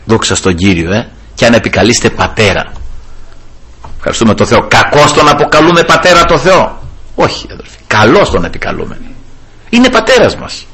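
A man's voice: mid-range voice, very animated, a bit bright, breathy edge. A man preaching a fervent sermon, addressing the brethren often and repeating refrains of praise to the Lord.

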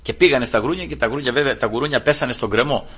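A man preaching a sermon to his congregation, often calling them brothers, with emphasis that swings between loud, high passages and quiet, low asides. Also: breathy edge. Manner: addresses listeners as brothers, rising and falling emphasis.

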